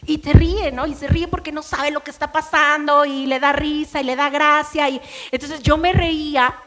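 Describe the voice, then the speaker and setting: Middle-aged Mexican woman pastor, high-pitched, conversational preaching with a personal testimony. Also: fairly bright tone. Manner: conversational storytelling, acts out her own past voice.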